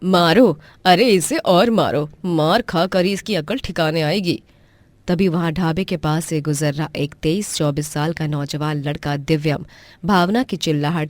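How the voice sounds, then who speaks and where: A woman narrating a storybook cartoon in an even, dramatic telling. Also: sits low, no echo.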